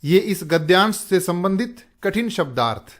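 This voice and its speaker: A man's voice: high voice, animated. A man teaching a Sanskrit lesson, reading the text word by word and explaining each one. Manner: reads each word then glosses it slowly. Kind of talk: line-by-line textbook explanation.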